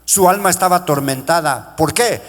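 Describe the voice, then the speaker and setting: At normal speed, a middle-aged pastor delivers an impassioned sermon in a church sanctuary, the long reverb of the hall trailing his words. He addresses his listeners as brothers and lifts his voice to a shout when quoting pleas for mercy.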